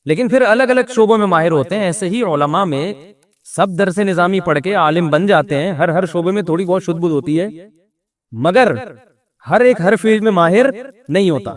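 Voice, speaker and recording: A man with a Pakistani Urdu accent giving a casual sermon as an Islamic scholar, telling jokes and anecdotes and acting out the dialogue. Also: high-pitched. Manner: humorous storytelling, acts out dialogue in other voices.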